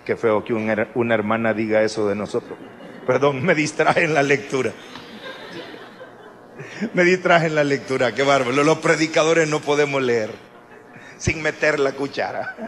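A man preaching a sermon in an animated way, with chatty asides to the congregation. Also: mid-range voice, normal speed, long pauses.

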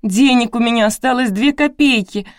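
A woman reading an audiobook, voicing a tearful, distraught young widow who pleads in a high, strained voice. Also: moderate pace, dry recording, clean studio sound, natural voice. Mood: tearful, desperate.

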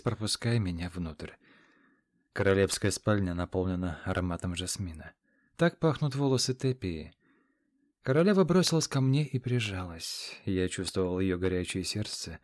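Low grave male audiobook narrator. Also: no echo, studio quality. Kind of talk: scripted first-person fantasy narration.

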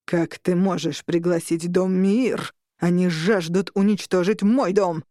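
Woman doing a growling vampire lord, furious, lower voice, slow heavy shouting, dry close sound. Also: no echo, natural voice.

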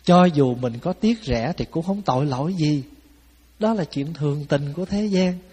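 A monk preaches to a gathering, slipping into the voices of the people in his stories and checking in with his listeners as he goes. His voice is mellow and a little husky. The sound rings out with long reverb, as in a large hall. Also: fairly high pitch, moderate pace. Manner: lively, conversational, acts out quotes of people in his stories; asks the audience "phải không?". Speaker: Buddhist monk giving a dharma talk. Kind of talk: storytelling sermon.

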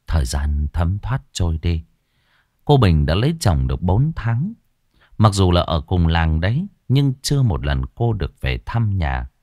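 A man's voice: low voice, a little mellow, no echo, studio quality. A man narrating a ghost story in a dramatic, scripted storytelling way. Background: faint music.

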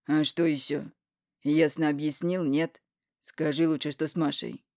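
Woman voicing a gruff, gravelly irritated husband. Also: deep voice, steady tone, measured pace, dry recording, studio quality, pitched below the performer's own voice. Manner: gruff, loud, curt retorts. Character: irritated middle-aged husband, blunt and stubborn. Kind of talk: audiobook character voicing.

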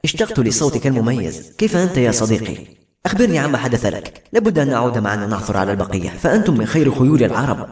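A man playing an earnest young knight in a storybook, proud and stung. He speaks quickly and openly. Echo and faint music fill the room. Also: mid-range voice, very animated, a little mellow, close to an everyday voice. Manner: earnest and hurt.

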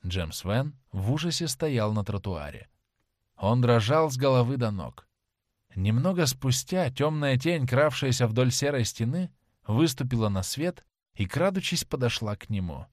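A man giving a dramatic, expressive scripted narration of a novel into a close mic. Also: mid-range voice, unhurried, no room sound. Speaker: audiobook narrator.

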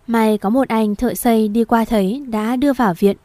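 Polite caring young man, read by a woman narrator, mellow tone, audio novel. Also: fairly high pitch, steady tone, normal speed, no echo, lightly acted. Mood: gentle.

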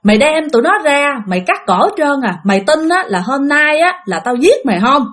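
A woman's voice: high voice, expressive, brisk, fairly bright tone. Woman voicing an angry male duck spirit. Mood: menacing. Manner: threatening, scolding.

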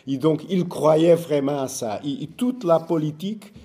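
A man, a native Portuguese speaker, gives an informal talk in Portuguese-accented French, halting as he searches for words and repeats himself. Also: a little high, dark tone, breathy edge. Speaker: speaker giving a political overview.

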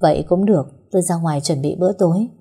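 A woman reading the lines of a caring young husband in a quiet, matter-of-fact way. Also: lowish voice, fast, husky. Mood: calm.

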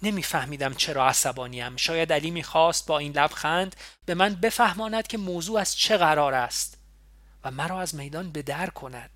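A man reading a novel aloud in first person, expressive and emotional. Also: on the high side, no room sound. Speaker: audiobook reader.

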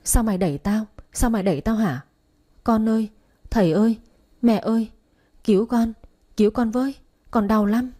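A woman's voice: mid-range voice, lively intonation, a little fast, dark tone, lightly acted. A woman voicing a young pregnant woman who sobs and screams accusations after losing her baby. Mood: wailing.

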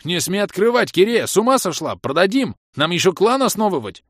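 A man voicing a greedy half-orc treasurer who roars and yells frantically in an audiobook. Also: sits high, sing-song, brisk, no room sound, clean studio sound, pitched above the performer's own voice, heavily acted. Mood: frantic yelling. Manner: roaring, yelling, frantic. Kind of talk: audiobook character voice.

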